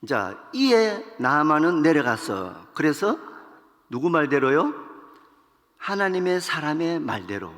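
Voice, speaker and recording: A male pastor preaching in an animated, storytelling way and acting out the characters' lines. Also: a little high, slow pace, big-room sound. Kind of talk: storytelling sermon.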